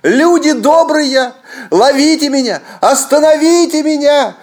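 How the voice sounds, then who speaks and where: Мужчина озвучивает крестьянина, то кричащего в панике, то измученного и кающегося. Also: male voice, on the high side, sing-song, measured pace. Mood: panicked. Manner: shouting, breathless pleading. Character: peasant man Akim, greedy then exhausted and repentant.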